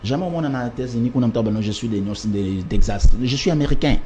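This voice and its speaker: A male political party representative gives an emphatic interview, mixing French and Lingala and driving his points home with repetition and rhetorical lists. His medium-pitched voice is mellow and fast, with a little hiss or hum in the audio.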